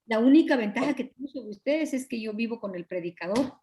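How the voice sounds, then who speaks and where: A woman, a pastor's wife, teaching a Bible study over a video call with a Guatemalan Spanish accent, earnest and confiding, often clearing her throat. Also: on the high side, expressive, a little fast, dark tone. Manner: earnest, confiding, acts out quoted dialogue.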